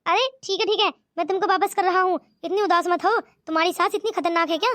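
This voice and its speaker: Cartoon male vendor, cheeky and haggling, played by a woman, very high light voice, dry close sound. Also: steady tone, quick pace, a bit bright, no room sound. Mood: conciliatory. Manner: teasing, bargaining. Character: male street vendor, cheeky, laughing, haggling over pots.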